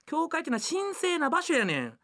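A woman's voice: high-pitched, wildly swooping pitch, normal speed, a bit bright, voice pushed up, full character voice. A woman voicing a bossy, devout housewife with a Kansai accent, scolding her husband in a rakugo telling. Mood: impatient. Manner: scolding, nagging. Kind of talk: rakugo storytelling.

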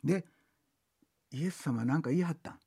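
A man's voice: on the high side, fairly quick, creaky, warm tone, slightly rough. A man with a Kansai accent telling a comic story rakugo-style, switching between two chatting servants.

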